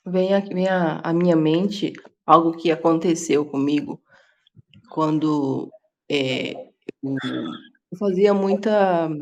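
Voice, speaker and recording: Brazilian-accented woman, low voice, earnest testimony, Bible study video call. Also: a little mellow, lo-fi sound. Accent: Brazilian Portuguese. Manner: earnest, confessional, many tag questions. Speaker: Bible reading group participant. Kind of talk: personal testimony in casual Bible study chat. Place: at home.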